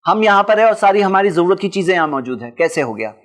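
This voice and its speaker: A man's voice: high voice, animated, fast talker. A man giving a religious talk and answering audience questions, explaining his points through lists of examples.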